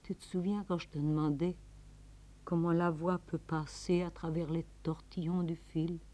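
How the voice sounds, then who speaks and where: An actress in a 1950s radio drama, playing a desperate woman pleading with her departing lover on the telephone, trembling and swinging from hushed to frantic. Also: on the low side, level tone, normal speed, lightly acted. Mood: tender.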